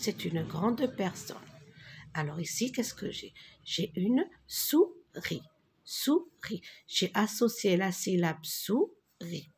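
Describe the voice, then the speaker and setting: A woman teaching a beginners' reading lesson, dictating slowly and repeating words syllable by syllable. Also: on the low side, husky.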